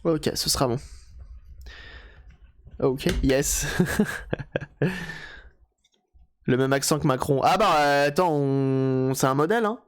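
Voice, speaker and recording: A man with a French accent talks casually to viewers on a live stream. His speech is relaxed, and he often repeats the same phrase twice. When he switches to English, he stumbles and hesitates over the words. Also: a little high, takes it slowly, long pauses, clean tone. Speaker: streamer restoring retro game hardware.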